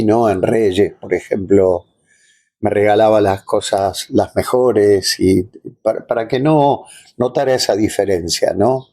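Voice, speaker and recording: A man with an Argentine accent, guesting on an interview, casually shares stories from his life. His voice is lowish and mellow, and he pauses to search for words and tosses in little check-in tags.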